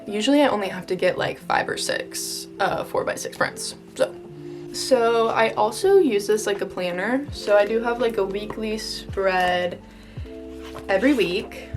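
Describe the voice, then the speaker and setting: A young American woman talks in a casual, chatty vlog style with a gushing valley girl delivery. Her voice sits at an average pitch for a woman, and music plays behind her. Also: unhurried. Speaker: vlogger. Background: background music.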